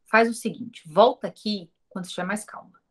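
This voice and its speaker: A woman's voice: medium pitch, brisk, a bit bright, breathy edge. A Brazilian woman teaching an online course. She talks straight to her viewers, with rhetorical questions and quoted dialogue from her own stories. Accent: Brazilian Portuguese. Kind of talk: informal recorded lesson.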